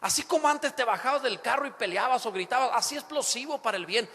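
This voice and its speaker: Guy preaching in a big echoey church, high sharp voice, acts out voices, yells now and then. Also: fast. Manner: animated, acts out quoted voices, sudden shouts. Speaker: pastor. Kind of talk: sermon. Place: church sanctuary. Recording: long hall reverb in a church.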